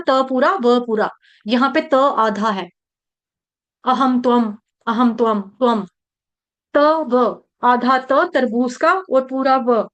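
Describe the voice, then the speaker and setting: High-voiced woman teaching slow chanting. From India. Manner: slow, repeats syllables many times; chants verse lines slowly. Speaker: Sanskrit recitation teacher. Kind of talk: patient pronunciation lesson, syllable by syllable.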